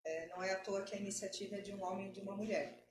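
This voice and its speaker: A woman's voice: mid-range voice, fairly even intonation, very fast. A woman hosting a tech meetup, introducing the guest speaker. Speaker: meetup organizer and host. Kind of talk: welcoming remarks at an event. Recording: echoey room with clear background noise.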